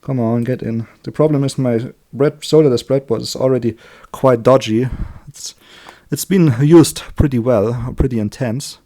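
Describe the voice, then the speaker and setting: A native German speaker and electronics hobbyist demonstrates a circuit build in an informal, hands-on tutorial, explaining as he works. He speaks with a German accent in a chatty, halting way, correcting himself as he goes. His voice is mid-range and mellow.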